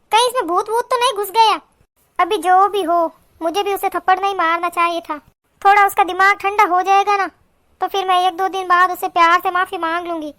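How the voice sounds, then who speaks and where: A woman voicing a kind, patient elder daughter-in-law in a family cartoon who speaks gently and reasons things through. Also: very high voice. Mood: regretful. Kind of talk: cartoon voice acting.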